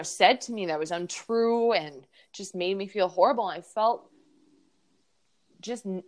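A woman, a yoga teacher, telling a personal story frankly and with feeling, using many fillers. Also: mid-range voice.

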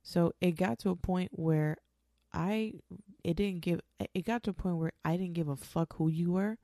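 A young mother in her twenties talks bluntly and with force, dropping curses to make her point. Her voice sits low and mellow, with a gravelly edge. The sound is dry and close, with no room behind it. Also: moderate pace, no echo. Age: 20s. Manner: blunt, emphatic, swears freely. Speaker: mother talking about her show. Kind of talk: candid monologue.

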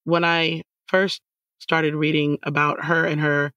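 A woman talks about a novel with friends, slipping into the characters' voices as she retells scenes. Her voice is dry and close, with no room sound. It is casual, expressive discussion. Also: sits low, a little slow, dry recording, highs cut off. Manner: animated, acts out characters' lines while retelling. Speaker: book club member.

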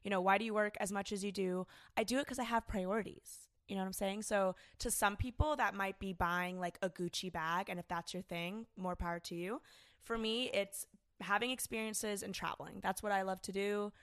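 A woman's voice: mid-range voice, fairly even intonation, a little fast, dry recording, studio quality. A young adult woman co-hosting a podcast, talking casually and laid-back, with some swearing. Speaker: podcast co-host. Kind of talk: casual chat.

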